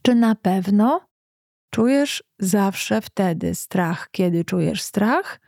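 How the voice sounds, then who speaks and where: A woman giving a calm, reflective educational talk on emotions, often asking listeners direct questions. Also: mid-range voice, slow pace, dry recording, clean studio sound. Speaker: psychology speaker.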